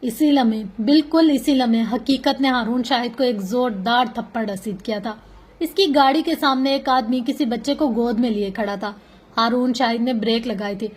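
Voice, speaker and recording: High-voiced woman reading a novel. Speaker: novel reader.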